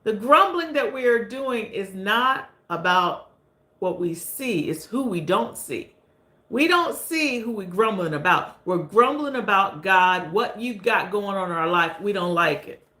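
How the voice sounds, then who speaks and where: A woman's voice: mid-range voice, expressive, unhurried, bright, forceful tone. A woman preaching a sermon as the host of her channel, acting out biblical voices as she goes. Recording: echoey room.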